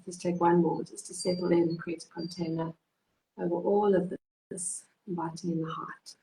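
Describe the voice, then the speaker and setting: Gentle woman hosting a live video chat. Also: fairly low pitch, little pitch movement, moderate pace, gravelly, slight background noise, rough recording. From South Africa. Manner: gentle, guiding, frequent hums. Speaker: host, cacao facilitator. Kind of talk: live online interview.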